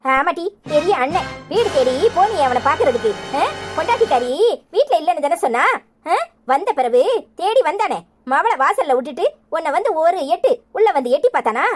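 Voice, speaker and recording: Cartoon mother with a Tirunelveli accent, cursing and sharp-tongued, voiced by a woman, high and animated. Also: a little fast, faint music behind. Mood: scolding. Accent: Tirunelveli Tamil. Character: fierce scolding village mother, older woman. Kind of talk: cartoon voice acting.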